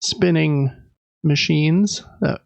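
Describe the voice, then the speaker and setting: A podcast host in his thirties rambles through a casual chat about games and life, chatty and self-deprecating. His voice is on the high side and a little mellow, very slow, with vocal fry, and there's no echo.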